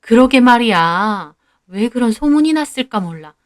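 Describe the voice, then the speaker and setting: A woman voicing a mild, evasive high school teacher who speaks softly and hesitantly. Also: animated, normal speed, natural voice.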